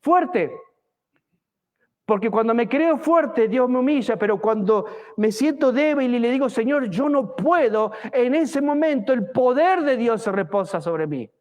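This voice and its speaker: A pastor preaching a fervent evangelical sermon at a church service, asking the congregation many rhetorical questions. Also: male voice, very high-pitched, animated, normal speed, few pauses, a little mellow.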